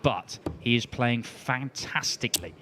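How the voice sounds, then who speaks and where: Deeper-toned male darts commentator over noise. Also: animated, a little slow. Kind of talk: live sports commentary. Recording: clearly noisy background with clicks.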